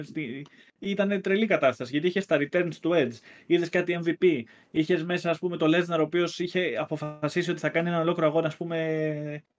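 A man co-hosting a casual wrestling podcast, rambling with lots of fillers as he gathers his thoughts. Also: a little high. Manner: rambling, many fillers and restarts. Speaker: podcast co-host.

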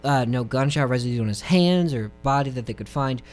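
A man's voice: medium pitch, expressive, a little fast, soft background music. A man co-hosting a casual podcast chat, recounting case details in a laid-back way with many fillers. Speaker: podcast co-host.

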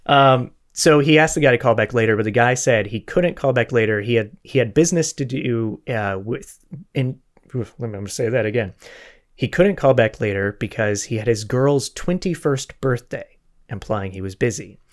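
Speaking at normal speed in a medium-pitched voice, a man hosts a podcast and retells a true crime case, a historical mystery. The delivery is relaxed and conversational, with joking asides and self-corrections.

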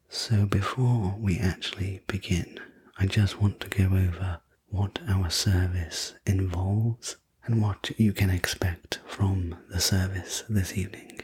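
A man speaks in an ASMR role-play as a sleep story narrator. His voice is low and very breathy, with hardly any tone in it. He takes his time over each phrase, gently reassuring and soothing the listener as an attentive host. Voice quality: soft, breathy soft voice. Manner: slow, gentle, reassuring delivery. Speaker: host playing a sleep room preparation attendant.

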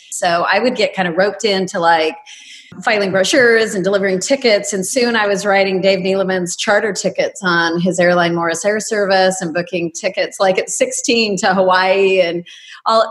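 A woman in her fifties talking casually as an interview guest, chatty and anecdotal. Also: medium pitch. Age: 50s. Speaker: interview guest, travel agency owner. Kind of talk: casual conversational interview talk.

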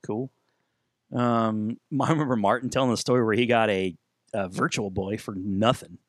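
A man's voice: on the low side, steady tone, normal speed, no room sound, studio quality. A man co-hosting a podcast, reminiscing in casual chat with chuckles as he talks. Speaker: podcast co-host.

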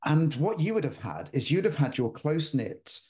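A man's voice: fairly high pitch, very animated, normal speed, darkish tone. A man, asking questions casually as a radio interviewer.

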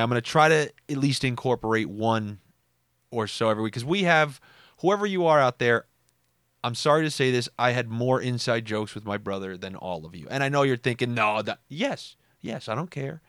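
A man hosting a solo podcast, telling wry stories with sarcastic asides and sudden rises in pitch. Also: a little fast, fairly bright tone, smooth, no echo, clean studio sound. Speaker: podcast host. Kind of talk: casual solo podcast monologue.

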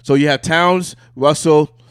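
A man's voice: on the high side, steady tone, unhurried, clear, resonant tone, no echo, studio quality. A man co-hosting a casual sports debate, insistently repeating his points in a conversational way. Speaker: podcast co-host.

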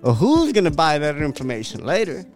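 A man's voice: a little high, fairly quick, faint music behind. A man hosting a podcast, giving a profane, emphatic motivational talk that repeats its points and breaks into laughter. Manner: profane, emphatic, repetitive preaching; animated, laughs often. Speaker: podcast host.

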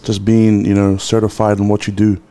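Low-voiced podcast host, hesitant. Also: male voice, monotone, a little fast, warm tone. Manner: hesitant, lots of fillers, friendly slang. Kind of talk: casual chat.

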